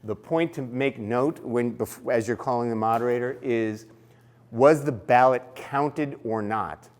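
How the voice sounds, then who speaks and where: A man leads a poll worker training in a relaxed, explanatory way. His voice sits at an ordinary middle pitch, and he pauses on fillers and restarts his sentences as he goes. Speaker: election trainer.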